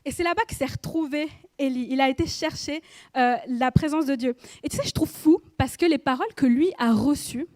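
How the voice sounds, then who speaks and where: A woman's voice: sits high, a little fast, darkish tone, no room sound. A woman in her thirties giving an informal sermon in church, chatty and speaking directly to the listener with frequent questions. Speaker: preacher.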